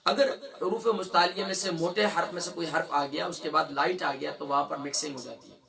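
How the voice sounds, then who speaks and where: A man's voice: a little high, creaky, a bit bright, recorded from a distance. A man teaching Quran recitation in a tajweed lesson. He asks the class questions, answers them himself, and stretches out letter sounds to demonstrate them.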